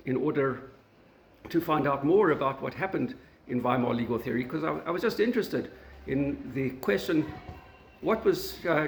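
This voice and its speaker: A man from South Africa with a South African accent, giving an academic lecture in a university meeting room, halting often with fillers and restarts. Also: medium pitch, a little hiss or hum. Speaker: guest lecturer. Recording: echoey lecture room recording.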